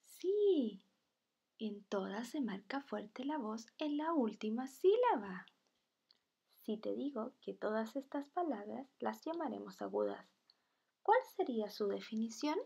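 A woman teaching a children's video lesson, reading words slowly and carefully. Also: fairly high pitch, big pitch swings, creaky, warm tone, slightly rough.

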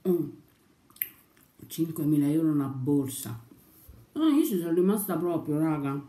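A woman's voice: deep voice, animated, a little slow, mellow. A young woman chatting casually on her vlog over breakfast, rambling and sometimes talking with her mouth full. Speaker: YouTuber. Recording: echoey room.

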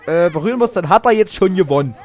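Male wrestling commentator with a high voice, sarcastic and joking, mock-indignant. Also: animated, fast talker.

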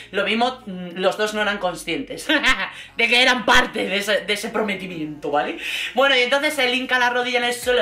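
A woman with a Spain Spanish accent doing casual commentary as a reality TV recap vlogger, animated and colloquial, often laughing. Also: a little high, reverberant.

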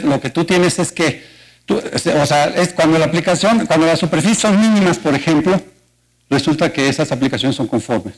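Through poor audio, a man whose voice is on the high side, speaking with a Mexican Spanish accent, presents a mathematics colloquium in a university auditorium, working through ideas step by step and putting rhetorical questions to the audience.

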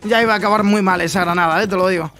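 Excitable Spanish man reacting to gameplay. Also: sits high, racing, over music. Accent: Spain Spanish. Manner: excitable, swears, repeats exclamations. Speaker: gaming YouTuber. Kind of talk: reaction commentary on gameplay clips.

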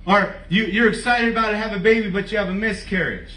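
A male pastor preaching a lively, conversational sermon with casual slang and direct questions to the congregation. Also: high voice, fast talker, far from the mic. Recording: echoey room, voice from off-mic.

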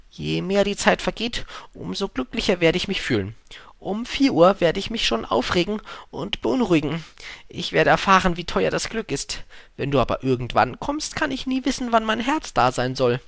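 A man voicing a talkative, wistful male fox in an audiobook, speaking up with a lively, pleading tone. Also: a little high, moderate pace, vocal fry, dry recording, voice pushed up, full character voice. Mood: earnest. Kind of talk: audiobook reading.

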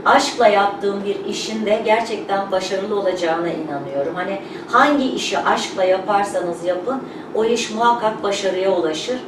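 A woman's voice: medium pitch, normal speed, hardly any pauses. A woman hosting an event, giving an informal thank-you speech in an earnest, emphatic, repetitive way. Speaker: company representative hosting a showroom opening. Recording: echoey room, distant mic, noisy background.

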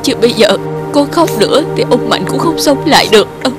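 A man's voice: extremely high pitch, expressive, fast, over music. A blunt, stern man. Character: stern man consoling a mourner.

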